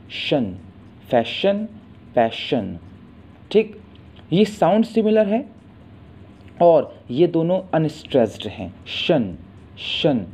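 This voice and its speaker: A man teaching a literature lesson, explaining terms patiently and repeating sounds to drill them, reading English definitions slowly before explaining them in Hindi. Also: mid-range voice, dark tone, a little hiss or hum.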